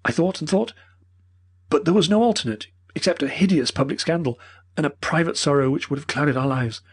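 Playing an elderly male professor, a man talks fairly quickly with a husky, medium-pitched voice, sounding breathless, earnest and pleading.

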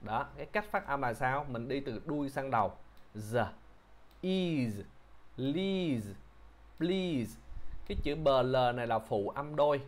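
A man teaching English pronunciation, who repeats each word slowly and patiently explains how to shape the mouth. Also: medium pitch. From Vietnam. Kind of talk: pronunciation lesson.

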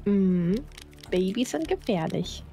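A woman's voice: mid-range voice, animated, slow, warm tone, faint music behind. A woman chatting casually and playfully while gaming on a livestream. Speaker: livestream gamer.

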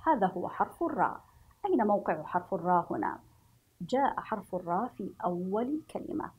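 Woman, teacher, breathy, patient children's reading lesson, drawn-out words, mid pitch. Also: phone-quality sound. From Yemen. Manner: slow drawn-out syllables, praising pupils.

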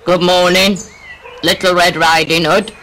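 A woman voicing a cunning male wolf in a read-aloud storybook, with a lower, coaxing delivery. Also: steady tone, measured pace, slight background noise, rough recording. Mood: sly. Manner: coaxing, lower and louder than her narration. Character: cunning sly male wolf, smooth-talking.

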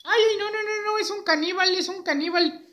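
A man voicing a cheeky male puppet sidekick in a squeaky, high-pitched voice, teasing and heckling. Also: moderate pace, sharp tone. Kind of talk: puppet skit.

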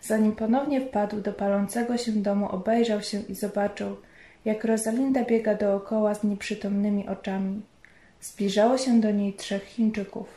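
A woman narrating a story in a measured, storytelling manner. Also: medium pitch, fairly even intonation, warm tone. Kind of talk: scripted narration. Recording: roomy echo.

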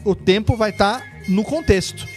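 A man's voice: high-pitched, a little slow, darkish tone, soft background music. A man on a casual podcast, eagerly explaining and sounding out foreign words. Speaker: podcast guest.

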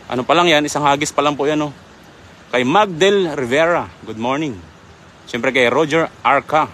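Holding his phone outdoors by a river, a young man hosts a fishing livestream and greets viewers by name in a friendly, courteous way. His mid-range voice is a bit bright, with slight hiss or hum in the background.

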